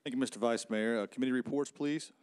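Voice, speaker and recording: A councilman explaining his bill on the chamber floor in a measured way with some fillers, speaking into a handheld mic. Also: mid-range voice, fairly even intonation, darkish tone, clear, resonant tone. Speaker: council member sponsoring a bill. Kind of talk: formal floor remarks.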